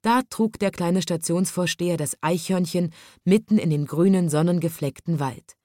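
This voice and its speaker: Low-voiced woman reading a children's story. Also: moderate pace, no room sound, clean studio sound. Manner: calm, expressive storytelling.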